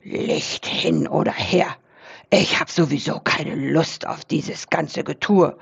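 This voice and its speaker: A woman voicing a grumpy male wild boar who grumbles gruffly in a storybook reading. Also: sits low, slow, highs cut off, pitched below the performer's own voice, heavily acted.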